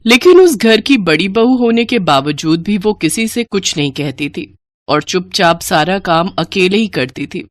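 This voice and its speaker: A woman's voice: lowish voice, unhurried, dry recording. Woman narrating a cartoon story. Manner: steady, plain storytelling.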